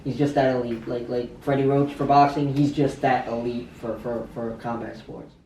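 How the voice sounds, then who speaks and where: A man, a fighter in training, giving casual interview answers in a halting way, often repeating his words. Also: mid-range voice, little pitch movement, darkish tone, recorded from a distance. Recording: echoey room, off-mic, faint background noise.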